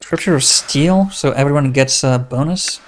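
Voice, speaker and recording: A man's voice: medium pitch, normal speed, slight background noise. A man giving casual game commentary, thinking aloud and reading text from the screen. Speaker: let's-play host.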